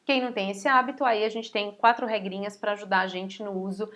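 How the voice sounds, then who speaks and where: A woman's voice: medium pitch, fairly even intonation, fairly quick, a bit bright. Brazilian woman teaching a spelling lesson. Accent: Brazilian Portuguese. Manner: explains step by step, often checking in with "né?" and "tudo bem?".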